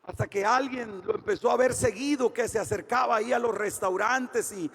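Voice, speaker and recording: High-voiced fervent preacher. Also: male voice, normal speed, husky, in a large hall. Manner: fervent, swings between shouting and hushed storytelling. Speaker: pastor. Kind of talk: preaching a sermon.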